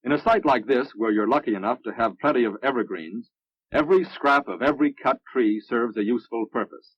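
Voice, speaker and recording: Narrating a military training film, an American man speaks in a measured, instructive manner with a somewhat husky, mid-pitched voice. The audio is dry and dull like a vintage film soundtrack, with no room sound.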